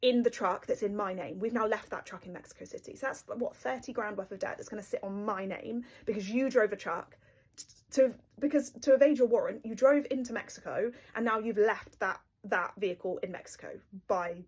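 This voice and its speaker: Husky young woman telling a story. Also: medium pitch. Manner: rapid, breathless retelling with lots of fillers. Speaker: storyteller recounting her marriage. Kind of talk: casual storytime monologue.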